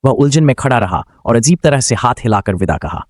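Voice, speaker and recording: A man's voice: mid-range voice, expressive, fairly quick, dry recording, studio quality. A man giving scripted narration as a comic recap storyteller.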